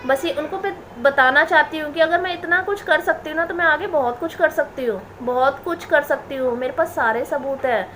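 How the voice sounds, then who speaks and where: Woman vlogger, high voice, indignant and defensive, repeats herself, faint background noise. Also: brisk, hardly any pauses, a bit bright. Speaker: family vlogger. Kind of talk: direct-to-camera vlog rant.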